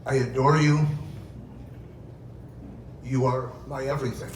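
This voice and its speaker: A middle-aged man, mid-range in pitch, speaks at a measured pace with fairly even intonation in his heartfelt father of the bride speech. He shares family anecdotes at the wedding reception, dramatizing the quotes. The mic is distant, and the event room sounds echoey and noisy.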